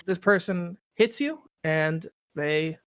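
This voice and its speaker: A woman runs a tabletop game, ruling on rolls in a brisk, matter-of-fact way. Her voice sits low for a woman. The recording is dry and close. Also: animated, no echo. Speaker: game master.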